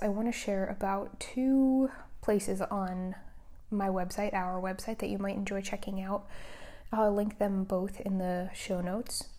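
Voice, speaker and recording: A woman hosting a casual solo podcast, talking softly in a hushed near-whisper at home so that someone in the next room is not disturbed. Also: medium pitch. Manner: soft, hushed near-whisper to keep quiet. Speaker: podcast host.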